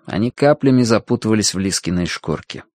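A man narrating a story aloud in a steady, quiet storytelling manner. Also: lowish voice, a little fast, dry recording, studio quality. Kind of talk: audiobook narration.

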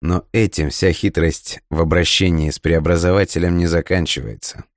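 A man with a very low, deep voice reads a first-person story aloud. His delivery is steady and measured, and the recording is close and dry with no room sound. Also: dry recording. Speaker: audiobook narrator. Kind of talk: scripted first-person narration.

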